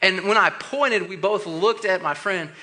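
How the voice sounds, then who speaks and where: A man's voice: high voice, unhurried. A man preaching as youth pastor to students, telling a story and acting out the voices in it. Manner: animated, acts out quoted voices. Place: church youth room.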